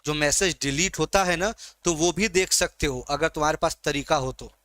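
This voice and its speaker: A man's voice: fairly high pitch, moderate pace, pushed and bright, dry recording. A man teaching a live online exam-prep class, coaxing and teasing his students by name as he quizzes them.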